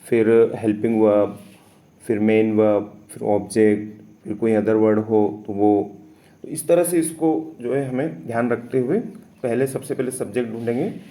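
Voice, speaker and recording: A man teaching, slowly and patiently explaining English test answers step by step, with frequent fillers. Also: on the low side, warm tone.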